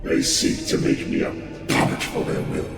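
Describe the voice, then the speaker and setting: A man voicing a huge, arrogant, chained godlike prisoner in a tabletop fantasy game, deep, rumbling and menacing, with heavy echoing reverb. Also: distant mic, soft background music. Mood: defiant. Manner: slow, grandiose, menacing. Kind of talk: tabletop fantasy role-play. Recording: cavernous echo and long reverb.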